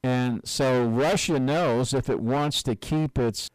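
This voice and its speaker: A man hosting a talk radio show, giving a measured, explanatory commentary with frequent restarts and repeated words. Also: mid-range voice, dry recording, low-quality recording. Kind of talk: unscripted commentary monologue.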